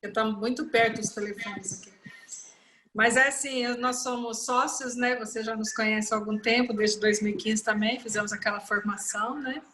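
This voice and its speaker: A woman's voice: on the high side, steady tone, moderate pace, bright, forceful tone, slight background noise, poor audio. A woman chatting in a friendly way over a video call, introducing herself as a clinic partner. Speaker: clinic partner, workshop participant. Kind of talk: casual chat on a video call.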